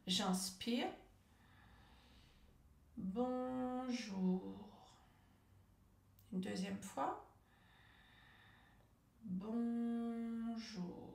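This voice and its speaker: A woman from France coaching people who stutter, guiding calm breathing and word-stretching exercises in a slow, drawn-out way. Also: a little high, gravelly. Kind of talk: guided speech exercise lesson. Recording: echoey room, voice a bit off-mic.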